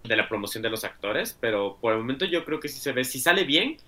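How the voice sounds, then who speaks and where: A man's voice: medium pitch, very animated, bright, forceful tone. A man with a Mexican accent co-hosting a podcast, chatting casually about films with lots of fillers. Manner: chatty, hedging with fillers, quick to laugh. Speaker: podcast co-host. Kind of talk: casual film chat.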